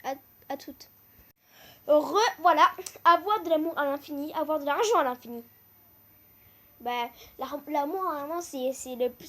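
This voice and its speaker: A woman with a high voice runs a gaming channel, casually reading would-you-rather questions aloud, breaking into excited shouts and leaning on a teasing catchphrase she says over and over.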